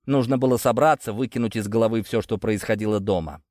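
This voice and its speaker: A man's voice: on the low side, fast, darkish tone, dry recording, clean studio sound. A man narrating a first-person story from a script. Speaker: audiobook narrator.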